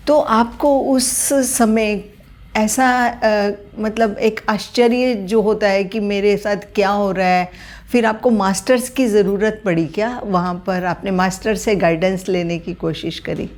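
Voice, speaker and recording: Female interviewer, slow and deliberate, hesitant questioning style. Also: medium pitch, darkish tone.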